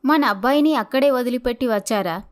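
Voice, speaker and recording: A woman plays an aggrieved young wife in a storybook, her voice high and smooth as she pleads and reproaches. She keeps pressing her husband to come home. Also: fairly quick, close to an everyday voice. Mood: reproachful. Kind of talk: storybook voice acting.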